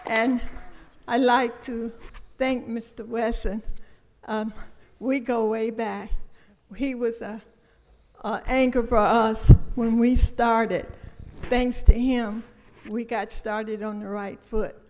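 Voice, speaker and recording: Frail, breathless elderly woman, slow and halting. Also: a little high, steady tone, a little mellow, a faint crowd, a little hiss or hum. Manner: halting, pausing between short phrases. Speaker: speaker honored at a ceremony. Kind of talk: informal thank-you speech. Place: large echoing council chamber. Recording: reverberant hall.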